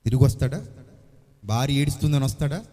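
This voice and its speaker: A man's voice: mid-range voice, fast, warm tone. A man preaching a sermon, emphatic, putting rhetorical questions to his listeners and repeating key phrases. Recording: reverberant hall.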